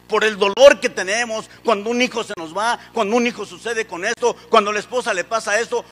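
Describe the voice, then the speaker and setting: High, bright-voiced preacher. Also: male voice, in a large hall. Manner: impassioned preaching, calls the congregation to repeat phrases. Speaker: pastor. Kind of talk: sermon.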